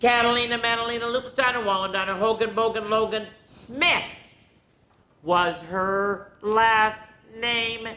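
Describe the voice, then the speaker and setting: A woman with a sharp, steady voice reads picture books slowly at a children's story time, lilting through the rhymes, lengthening the rhymed words, and breaking off for chatty exclamations. The room echoes, and a rumble sits underneath.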